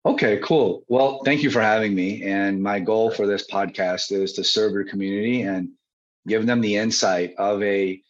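A Chicago man in his thirties, a mortgage branch manager and coach, shares his own story conversationally as a podcast guest. His voice is lowish, with fairly even intonation and a moderate pace, and the audio is slightly dull and lo-fi.

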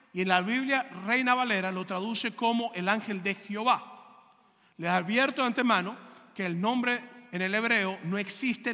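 A man's voice: high voice, bright, forceful tone. A male pastor teaching a sermon, having the congregation repeat terms after him and checking that they follow. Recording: long hall reverb.

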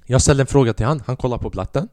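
A man's voice: mid-range voice, a little mellow, no room sound. A young man hosts a podcast in a rambling, comic rant full of swearing. He tells his story with lots of animation. His voice sits mid-range and sounds dry and close to the mic. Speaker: podcast host. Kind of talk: comedic ranting monologue.

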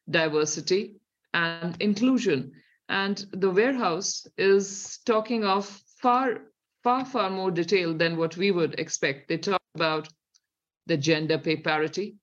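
A middle-aged woman with an Indian accent co-hosts a talk show, offering sardonic, questioning commentary and reading from reports. Her voice is medium-pitched, and the recording has its highs cut off.

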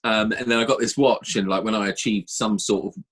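A man with a husky voice hosting a casual, chatty podcast. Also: on the low side, fairly even intonation, brisk, fairly bright tone. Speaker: podcast host. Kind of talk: casual chat.

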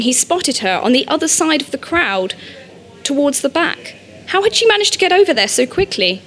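Woman reading an audiobook, calm measured storytelling. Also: medium pitch. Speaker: narrator. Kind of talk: scripted audiobook narration.

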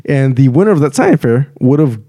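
A man's voice: mid-range voice, lively intonation, brisk, dark tone. A man co-hosting a movie review podcast, chatting casually and emphatically advising listeners. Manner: emphatic, giving advice to listeners. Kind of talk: casual chat.

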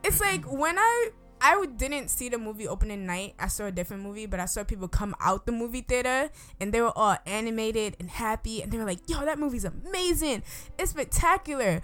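A woman giving a casual, unscripted review, her words slightly slurred by braces and rubber bands as she tells it in an animated, emphatic way. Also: fairly high pitch, a little fast, few pauses, faint music behind. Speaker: movie reviewer.

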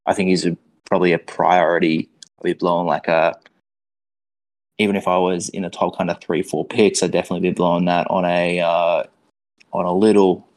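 A man's voice: deep voice, flat delivery, fairly quick. A man co-hosting a podcast in casual, laid-back, matey sports chat. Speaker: podcast co-host.

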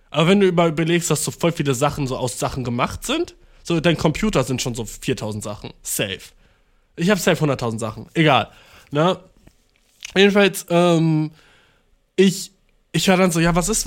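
Young man, podcast host. Rambling, slangy, self-mocking storyteller, slightly high voice. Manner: rambling, slangy, self-mocking, swings between loud outbursts and mumbled asides. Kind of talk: casual storytelling monologue.

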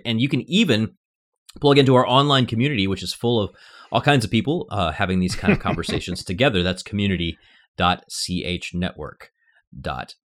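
A man's voice: fairly low pitch, a bit bright. A man hosting a podcast, chatting casually in a jokey, self-deprecating way. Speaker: podcast host. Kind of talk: casual conversation.

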